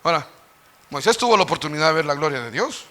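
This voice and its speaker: A man preaching a sermon as pastor, asking the congregation questions and acting out Bible figures with sudden shouts. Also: on the high side, animated, fast talker. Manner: dramatic, acts out Bible characters with sudden shouts; questions the congregation and answers himself. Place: church sanctuary.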